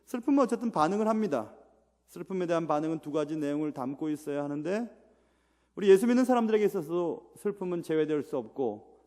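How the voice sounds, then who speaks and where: Middle-aged male pastor, slightly high voice, dramatic sermon delivery with soft asides; long church-hall reverb. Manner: swings between loud rising appeals and low quiet asides. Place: church sanctuary.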